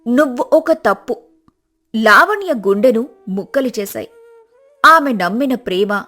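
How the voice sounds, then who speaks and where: A woman narrating an animated family drama in a dramatic storytelling manner. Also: on the high side.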